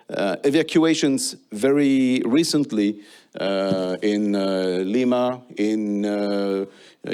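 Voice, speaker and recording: A man's voice: medium pitch, darkish tone, smooth. A man moderating a round-table panel, asking long questions in a hesitant way, full of fillers and restarts.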